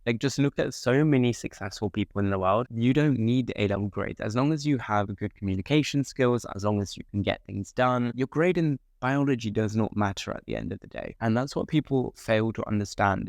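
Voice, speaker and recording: Low-voiced young British man giving advice. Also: dry recording, clean studio sound. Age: young adult. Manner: informal, emphatic, reassuring. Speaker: student advice vlogger. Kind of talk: casual advice talk to camera.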